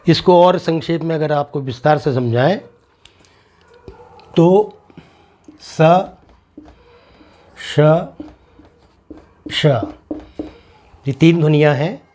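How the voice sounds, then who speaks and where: A man's voice: fairly high pitch, warm tone. A man teaching a lesson on the sounds of the alphabet, sounding out syllables one by one and explaining patiently. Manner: slow, deliberate, repeats syllables to demonstrate sounds; explains patiently, asks students if it is clear. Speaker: Hindi teacher. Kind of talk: classroom lesson on pronunciation.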